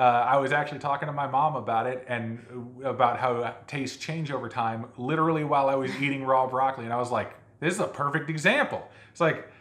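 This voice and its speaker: A man's voice: mid-range voice, fairly bright tone. A man co-hosting a food vlog, chatting casually with jokes and rambling fillers. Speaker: vlog co-host. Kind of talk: casual chat. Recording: echoey room.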